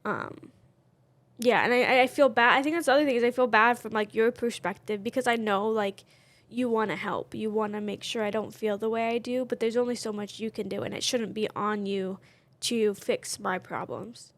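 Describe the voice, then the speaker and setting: A woman's voice: fairly high pitch, fairly even intonation, moderate pace, no room sound. A woman co-hosting a podcast, talking candidly and casually with lots of fillers. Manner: candid, chatty, many fillers. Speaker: podcast co-host. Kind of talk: casual chat.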